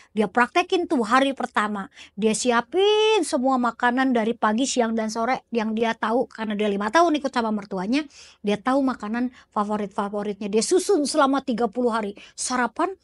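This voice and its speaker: A woman telling a story at a religious study gathering, chatty and animated. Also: fairly high pitch, dry recording, studio quality. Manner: chatty, animated, with frequent tag words. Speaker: religious speaker.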